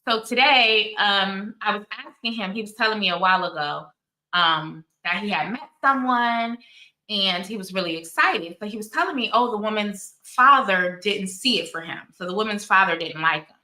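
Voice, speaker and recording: A woman's voice: medium pitch, animated, moderate pace, sharp tone, roomy sound, low-quality recording. A woman in her forties hosting her own channel, chatting candidly and telling stories with many asides. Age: 40s. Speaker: channel host. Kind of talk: casual commentary chat.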